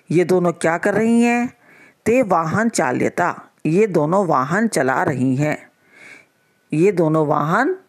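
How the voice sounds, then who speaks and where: A woman teacher explains a lesson to children at an unhurried pace. She repeats each line patiently, and her voice stays steady and plain. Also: fairly low pitch.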